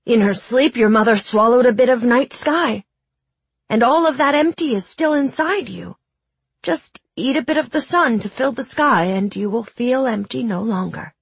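Woman doing a wise old doctor, kindly, bright, confident, gravelly, dry. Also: fairly high pitch, animated, normal speed, no echo, pitched above the performer's own voice, exaggerated voice. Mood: knowing.

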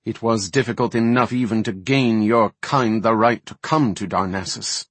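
A man voicing a stern, ancient male elf archdruid who speaks in a grave, reproachful, measured way, with a husky voice. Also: fairly low pitch, dry recording.

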